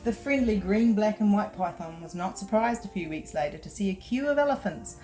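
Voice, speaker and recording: A woman librarian with a New Zealand accent reading a picture-book story aloud to toddlers in an expressive storyteller voice. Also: medium pitch, a little fast, soft background music, rough recording. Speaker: children's librarian.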